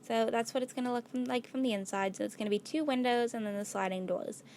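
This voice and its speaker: A woman's voice: on the high side, fast talker, darkish tone, slight background noise. A woman losing her voice, casually narrating a build video as host and thinking aloud as she works, with many "like"s and "gonna go ahead"s. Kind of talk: casual gameplay voice-over.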